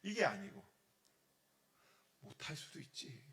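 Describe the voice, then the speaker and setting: Pastor preaching to teens, raised voice that swings widely, breaking into loud acted-out quotes. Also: male voice, fairly high pitch, unhurried. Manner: animated, acts out prayers and God's words with sudden loud bursts. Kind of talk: sermon.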